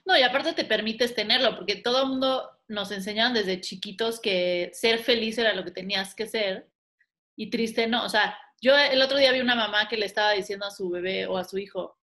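A woman hosting a podcast in a casual chat, quick and playful, teasing her guest with short replies. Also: mid-range voice, a bit bright. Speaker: podcast host.

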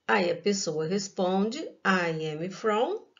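A Brazilian woman teaching an English lesson to young children in a recorded online class, speaking slowly and carefully and repeating each word. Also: medium pitch, vocal fry, highs cut off. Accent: Brazilian Portuguese.

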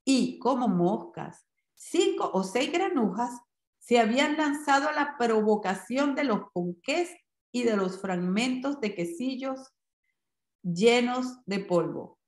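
A woman narrating a short story in a measured, expressive reading voice. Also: on the high side. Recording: roomy echo.

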